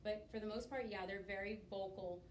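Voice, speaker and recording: A medium-pitched, fairly quick voice with fairly even intonation belongs to a young woman from Miami who hesitantly leads a class presentation conversation, leaning on lots of fillers. She is in a skills lab room, where the far-off mic picks up roomy echo and faint noise.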